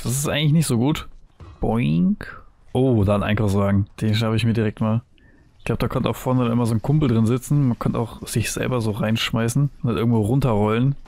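A young man giving excited, nostalgic commentary on his gameplay, full of youthful slang. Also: medium pitch, creaky. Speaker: gaming streamer.

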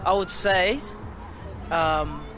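A woman's voice: on the low side, extremely slow, a crowd in the background, background noise. A young woman rugby player from Fiji, answering thoughtfully in an outdoor interview with a handheld mic. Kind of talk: casual interview. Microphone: handheld reporter mic.

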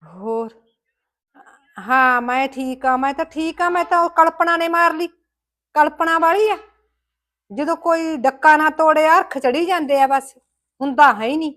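A woman's voice: sits high, measured pace, long pauses, fairly bright tone. A woman with a Malwai Punjabi accent playing a grumbling, scolding village mother-in-law in a comic skit. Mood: gossipy complaining. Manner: scolding, rustic and emphatic.

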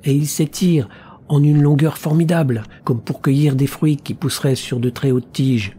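A man reading an audiobook, voicing a troubled young woman who describes her visions in a soft, submissive, wide-eyed way, slightly higher than his own voice. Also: steady tone, moderate pace, a little hiss or hum, lightly acted. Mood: dreamy unease.

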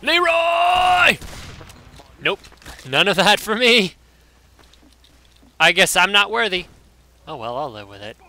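Excitable young man commentating his gameplay. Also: high-pitched, measured pace, pauses often. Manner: excitable, swearing, yelps and reacts loudly.

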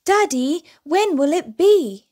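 A woman voicing an excited, impatient little bear cub in a storybook, squealing and eager. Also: extremely high pitch, takes it slowly, pitched above the performer's own voice, heavily acted.

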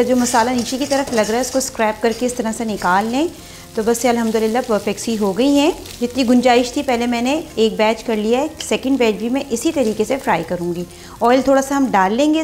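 A woman walks viewers through a recipe step by step in her home kitchen while cooking. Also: fairly high pitch. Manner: step-by-step explaining while cooking, frequent "dekhein" asides. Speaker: cooking channel host. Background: soft background music and frying sizzle.

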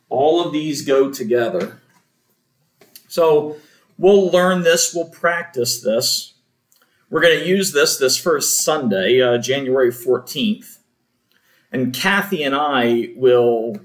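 Slow-talking man in a roomy church. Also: medium pitch. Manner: patient, step-by-step explaining. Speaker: church cantor. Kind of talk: explaining to a congregation. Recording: roomy echo.

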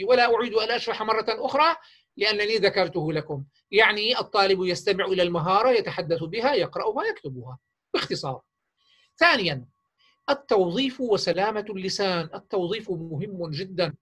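A man leading a teacher-training workshop, explaining patiently and often pausing with fillers and restarts. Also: high-pitched, a bit bright. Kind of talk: workshop lecture.

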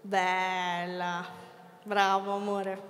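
A woman pastor with a Milan Italian accent giving a lively, teasing sermon to her congregation in a theatre hall. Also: mid-range voice, very slow. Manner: playful, teasing the congregation, acts out voices of doubters. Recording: reverberant hall, live.

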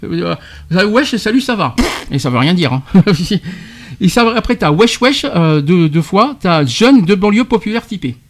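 Man, radio host, slightly high voice, quizzing a guest, lively explanations. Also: measured pace. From France. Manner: quizzing, explaining slang terms with laughs. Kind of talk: radio debate segment.

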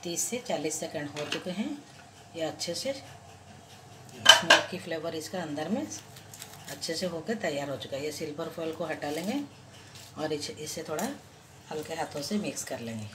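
A woman with a low voice talks the listener through a home recipe, slow and patient, pausing and restarting as her hands work. The kitchen is noisy, with clear sizzling and frying behind her. She sounds like she is speaking off-camera above the stove. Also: expressive. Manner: slow, patient explaining with many pauses and restarts. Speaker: cooking vlogger. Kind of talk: step-by-step cooking instruction. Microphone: camera above the hands, speaker off-screen.

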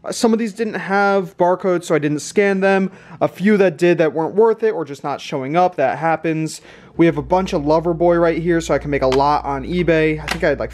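A thrifting-channel host who resells items narrates casually, reasoning aloud as he totals his numbers. His voice leans high and a little mellow. Apart from occasional clicks, the background is clean.

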